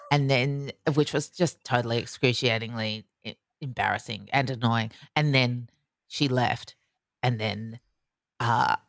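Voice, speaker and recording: A woman's voice: rumbling low, dry recording, clean studio sound. An Australian woman co-hosting a casual comedy podcast, telling rambling, self-mocking stories. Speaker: podcast co-host.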